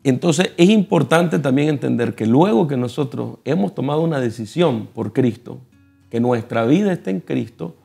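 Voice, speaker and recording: A male pastor with a Nicaraguan accent teaches in a calm, measured way, as if explaining a passage to viewers. His voice has a gravelly, fry-tinged texture at a middle pitch. Faint guitar music plays underneath. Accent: Nicaraguan Spanish. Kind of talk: TV panel teaching. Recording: soft guitar music behind.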